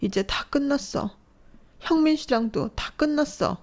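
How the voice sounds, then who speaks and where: A woman's voice: high voice, animated, unhurried, a little mellow, pitched above the performer's own voice. A woman voicing a distressed young adult daughter who pleads and lashes out at her mother in a dramatized story. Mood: resigned. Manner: pleading, tearful outbursts.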